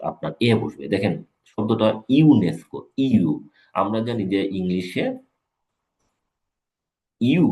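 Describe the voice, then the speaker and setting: A man's voice: deep voice, a little mellow. A man teaching an English grammar lesson in Bengali, repeating and spelling out examples letter by letter. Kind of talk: live online grammar lesson.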